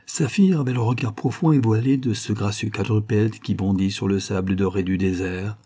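A man reading a nineteenth-century novel aloud in measured scripted narration. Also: lowish voice, steady tone, mellow. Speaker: audiobook reader.

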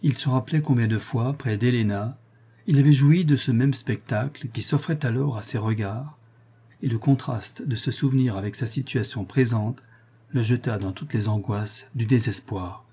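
A man narrating a classic novel in a steady, measured reading. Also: medium pitch, slightly rough. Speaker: audiobook narrator.

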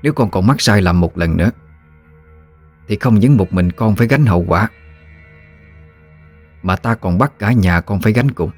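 A man voicing a stern elderly grandmother who speaks slowly and calmly with firm authority. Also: on the low side, faint music behind. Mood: stern commanding. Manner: slow, calm, authoritative.

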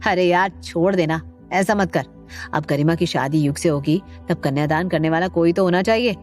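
A woman's voice: fairly low pitch, normal speed, a little mellow, soft background music, voice pushed down, natural voice. A woman voicing a carefree older man who jokes and teases in a breezy way. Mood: easygoing. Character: carefree joking older man, never serious.

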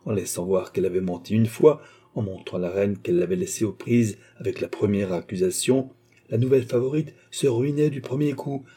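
A male narrator reads a classic novel aloud in a measured, dramatic way. His voice is low, dark and husky, and he tells the story steadily as an audiobook.

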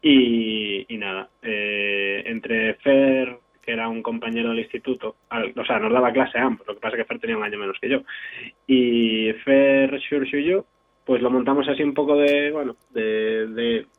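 A man's voice: mid-range voice, steady tone, moderate pace, no echo. A young man from Galicia speaking over a landline phone in a casual interview, hesitant and full of fillers and restarts. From Galicia, Spain. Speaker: drummer in a band, guest. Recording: tinny dry phone line.

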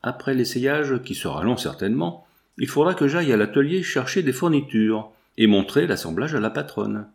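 A man voicing a gentle, earnest young seamstress in an audiobook, speaking in a lively voice close to his own. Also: medium pitch, moderate pace, creaky.

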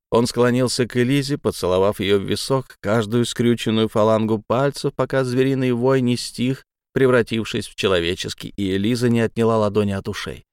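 A man narrating a first-person novel as an audiobook, in a measured, dramatic reading. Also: medium pitch, a little mellow, clear, resonant tone, no room sound, studio quality.

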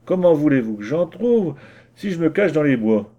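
A man's voice: fairly high pitch, sing-song, normal speed, warm tone, highs cut off, voice pushed up. A man voicing a poor, stubborn young carpenter in a storybook reading, answering bluntly and resolutely. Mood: defiant.

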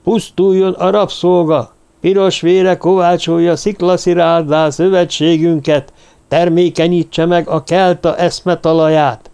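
A fanatical druid mage barks orders in a raised, screeching voice, as a male audiobook narrator puts him on. The tone is commanding and bloodthirsty, pitched well above the reader's own dark voice, loud and forceful. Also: little pitch movement, gravelly, clean tone. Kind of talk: audiobook character voice.

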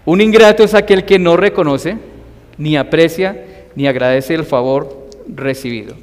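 A man delivers an emphatic sermon, his voice sitting somewhat high for a man. He presses his points with rising force and calls out loudly at times. A long reverb trails behind every phrase. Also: normal speed. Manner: emphatic, rising to loud acted cries for quoted voices. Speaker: preacher.

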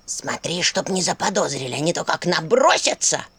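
A reader voicing a bloodthirsty talking skull that whispers in a quiet creaky voice in a spoken fairy tale. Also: medium pitch, lively intonation, moderate pace, dry recording. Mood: scheming.

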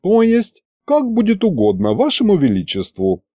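A man's voice: high voice, huge pitch swings, dark tone, no echo, clean studio sound, pitched above the performer's own voice, exaggerated voice. A man voicing a polite, reasoning horned male archivist at a royal court in an audiobook. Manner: courteous, measured.

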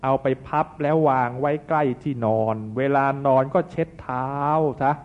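A monk putting on a calm, generous rich merchant. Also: male voice, medium pitch, normal speed, close to an everyday voice. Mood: explaining. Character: wealthy old-time male merchant, calm and generous. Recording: tinny phone-like sound.

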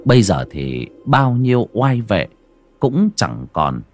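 A man narrating a ghost story theatrically, dropping to a hush and rising sharply. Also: fairly low pitch, sing-song, slow, soft background music. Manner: theatrical, swings from hushed to loud.

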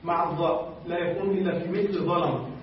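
Male teacher, high voice, patient quiz-style lesson, distant mic in a very reverberant room. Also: steady tone, quick pace, dull audio, slight background noise. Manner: patient, quizzes students and repeats answers. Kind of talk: classroom grammar lesson. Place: classroom.

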